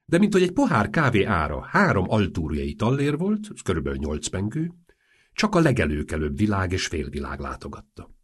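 A man narrating a humorous novel in an expressive, wry audiobook reading. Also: deep voice, husky.

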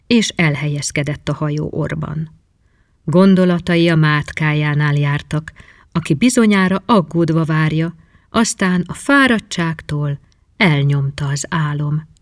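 A man's voice: fairly high pitch, dry recording, studio quality. Man reading a fairy-tale story. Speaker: narrator. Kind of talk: scripted storybook narration.

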